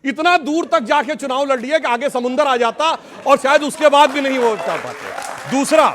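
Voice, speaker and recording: High voiced guy on a tv debate, mocking and combative. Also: expressive, moderate pace, crowd noise, background noise. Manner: combative, mocking, recites couplets. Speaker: political panelist. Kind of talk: TV debate argument. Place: TV studio.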